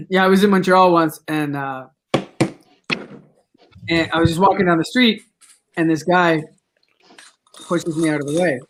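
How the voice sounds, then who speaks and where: A man with a high voice co-hosting a casual podcast, telling his story in a dry, low-key way. Clear hiss and clicks sit under his mic. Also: unhurried, long pauses. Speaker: podcast co-host. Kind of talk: casual chat.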